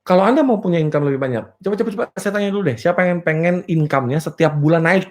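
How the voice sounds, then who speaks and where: A man's voice: a little high, racing, a little mellow. A male business coach giving a motivational seminar talk, playful, asking rhetorical questions and laughing at his own jokes. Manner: playful, rhetorical, repeatedly checks "clear?" with the audience. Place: live and virtual seminar.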